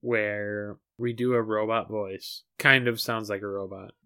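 A man's voice: lowish voice, fairly even intonation, unhurried, pushed and bright, smooth. A man co-hosting a podcast in casual chat, earnest and keen to set the record straight. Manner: earnest, keen to correct himself. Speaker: podcast co-host.

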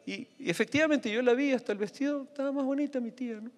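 A man with a Peruvian accent preaching a sermon, telling stories with lively, sudden leaps in pitch. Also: fast, in a large hall. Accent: Peruvian Spanish. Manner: animated storytelling with sudden pitch jumps. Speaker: pastor.

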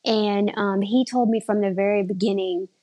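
A woman's voice: medium pitch, steady tone, moderate pace, mellow. A woman in her thirties, an aerial performer, chatting casually in an interview. She rambles and often restarts her sentences.

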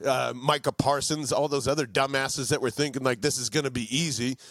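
A man's voice: medium pitch, steady tone, brisk, fairly bright tone, dry recording. A man co-hosting a casual sports podcast, delivering emphatic, profane rants.

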